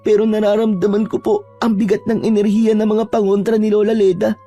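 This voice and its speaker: A young aswang in hiding, polite and frightened, pleading in an even, flat tone, as a woman acts it out. Her voice is dark and mellow, and faint music plays beneath the horror-story telling. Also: medium pitch, a little fast, lightly acted. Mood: earnest pleading. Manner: respectful, earnest, soft-spoken pleading.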